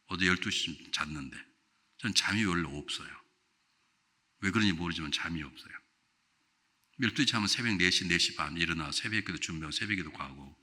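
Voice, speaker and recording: An older man preaching a revival sermon in a church, swinging from loud exclamations to quiet storytelling and putting questions to the congregation. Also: sits low, fairly quick, pauses often. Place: church sanctuary.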